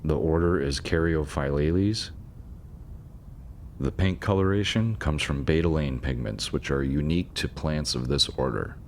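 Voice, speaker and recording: A man with a remarkably deep, low voice narrates an educational nature video, keeping an even, measured pace. The script is informative, broken now and then by a dry aside, and a faint hiss runs beneath the voice-over.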